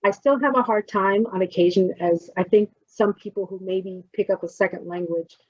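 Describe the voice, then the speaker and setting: On a dry, dull computer mic, a New Jersey woman hosts a poetry workshop over video in a relaxed, chatty way, often trailing off as she fumbles with screen sharing. Her mid-range voice moves at a moderate pace with no echo, and the call audio is lo-fi.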